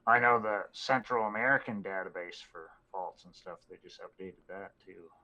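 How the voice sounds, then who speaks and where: A man with a lowish voice and a bright, pushing edge joins a casual chat. He talks freely and lets his sentences fade out toward the end. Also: moderate pace, no echo, low-quality recording.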